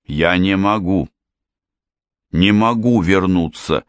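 A man voicing a panicked, guilt-ridden brother who shouts a desperate confession, in an audiobook reading. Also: low-pitched, slow pace, dry recording.

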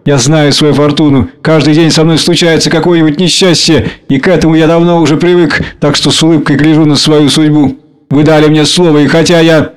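A man's voice: fairly high pitch, flat delivery, fairly quick, clean tone, lightly acted. A man reading aloud, voicing a pompous, clumsy, self-pitying clerk. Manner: fussy, long-winded, self-pitying.

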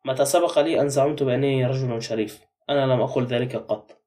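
A curt, sardonic man under suspicion, read by a male narrator. He talks fast in a dark, mellow voice. The mic sits a little far away. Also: medium pitch, fairly even intonation, natural voice. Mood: defiant. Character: sharp-tongued wary man under suspicion.

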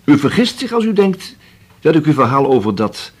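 An actor playing a shrewd police inspector who questions slowly and keeps humming to himself. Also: male voice, fairly high pitch, very animated, husky. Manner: slow, probing, drawn-out with many hums. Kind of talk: radio drama acting.

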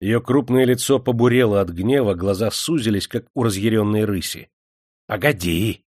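A man narrating an audiobook in a measured, dramatic reading. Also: lowish voice, darkish tone, no echo, studio quality.

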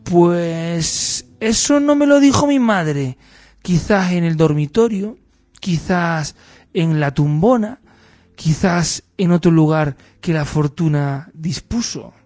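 A quick-witted male slave full of dry, mocking comebacks, as a man reading aloud puts him on. The voice sits fairly high and sounds close and dry, with an unflappable, cheeky manner. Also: lively intonation, a little mellow, dry recording, faint music behind.

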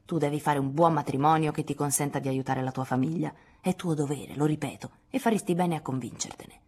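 An imperious old aunt, as a woman reader puts her on, sarcastic and lecturing. The voice sits low and sounds husky and breathy, scolding a young woman in an audiobook scene. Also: a little fast, darkish tone. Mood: coaxing. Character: domineering, scornful wealthy old aunt. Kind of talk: audiobook dialogue reading.

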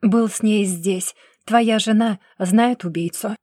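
A woman voicing a stern male investigator who speaks in clipped, measured phrases. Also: mid-range voice, warm tone, no echo, studio quality. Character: stern growling male investigator, cold and logical.

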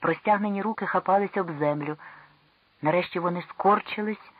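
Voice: medium pitch, fairly quick, dry recording, phone-quality sound. An audiobook reader narrating a classic story with tense, dramatic storytelling.

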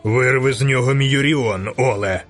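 A man's voice: mid-range voice, unhurried, a bit bright, faint music behind, natural voice. A man voicing a ruthless male gang leader who barks orders and speaks with cold contempt, in an audiobook reading. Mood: cold, contemptuous.

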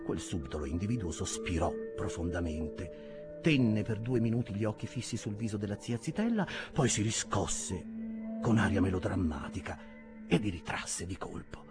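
Expressive male audiobook narrator. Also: on the low side, over loud music. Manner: measured, expressive storytelling.

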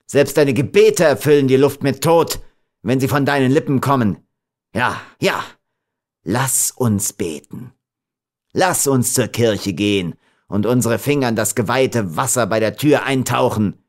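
A man reading an audiobook, voicing a young man in a furious, scornful rage, louder than his narration. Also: mid-range voice, a little slow, voice pushed up, natural voice. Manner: loud, scornful.

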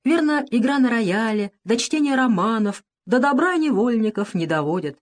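A woman's voice: fairly high pitch, animated, normal speed, voice pushed up, natural voice. Woman voicing a cruel, sarcastic plantation master. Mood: domineering. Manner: harsh, commanding, sarcastic. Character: domineering male plantation owner, cruel and mocking. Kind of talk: audiobook character reading.

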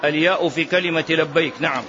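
A man's voice: fairly high pitch, fairly even intonation, fast talker, pushed and bright, a little hiss or hum. A man teaching a religious lesson, explaining a text and repeating key phrases for emphasis, sometimes drawing them out in a chant. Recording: dull lo-fi lesson recording.

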